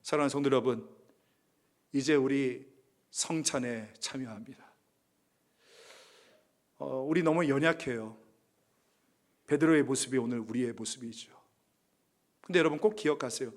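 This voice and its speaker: A male pastor preaching a dramatic sermon, swinging from hushed near-whispers to loud, emphatic appeals, in a church sanctuary. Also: mid-range voice, normal speed, pauses often.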